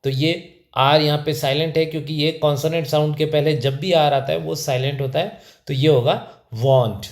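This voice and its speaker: A man's voice: fairly high pitch, flat delivery, a little fast, roomy sound. A man teaching an English pronunciation lesson, often asking a question and then answering it himself. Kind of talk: spoken lesson.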